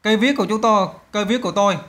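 High-voiced man teaching English. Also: racing, a bit bright. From Vietnam. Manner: chatty, repeats each English word twice. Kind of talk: explaining a test to students.

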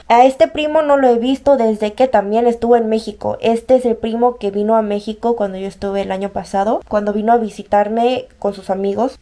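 A young woman from South Korea talking casually to the camera in a travel vlog, telling stories in an animated, chatty way. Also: on the high side, no room sound. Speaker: vlogger.

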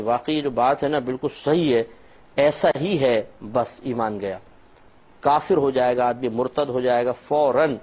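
A man's voice: a little high, a little mellow, slightly rough. A man, an Islamic scholar, giving a religious lecture and patiently explaining his points through step-by-step examples. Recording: slightly dull lo-fi recording.

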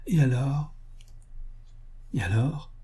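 A man's voice: mid-range voice, lively intonation, unhurried, mellow, breathy edge. A man voicing a frontiersman in an audiobook, asking urgent, curious questions. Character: Bill Cody, eager young frontiersman.

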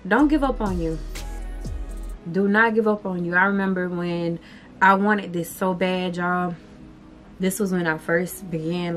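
A young woman, a beauty vlogger chatting heartfelt to her viewers, calling them "y'all.". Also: lowish voice. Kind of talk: casual chat to camera.

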